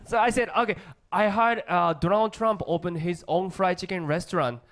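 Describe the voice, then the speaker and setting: A man from Japan with a strong Japanese accent performs stand-up comedy in simple, halting English, acting out short dialogues. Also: sits high, crowd noise. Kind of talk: stand-up comedy routine before a live audience.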